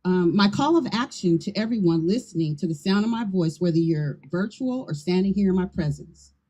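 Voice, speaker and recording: A woman's voice: fairly low pitch, expressive, a little fast, dark tone, rough recording. Earnest middle-aged woman giving a rousing speech. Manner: earnest and rousing, calls to the crowd. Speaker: community land trust leader. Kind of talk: public speech at an outdoor event. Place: outdoor groundbreaking ceremony. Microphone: handheld microphone on a PA.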